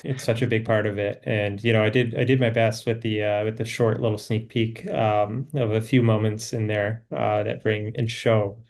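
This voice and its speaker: A man who is a filmmaker guest in a casual conversation. He speaks thoughtfully and with hesitation, with many pauses. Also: lowish voice, flat delivery, gravelly, a little mellow.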